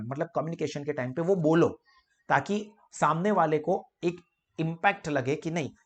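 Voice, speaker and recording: A young man giving a casual, animated classroom lecture and acting out little dialogues between people. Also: fairly high pitch. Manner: animated, mixes Hindi, Gujarati and English, acts out little dialogues. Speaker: commerce lecturer.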